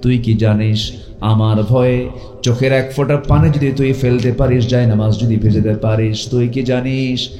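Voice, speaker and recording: Fervent Bangladeshi preacher, echoing sermon. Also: male voice, fairly even intonation, normal speed, dull audio. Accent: Bangladeshi Bengali. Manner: calls on the crowd to answer loudly, sudden high shouted climaxes. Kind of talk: Bangla waz sermon with sung Quran recitation.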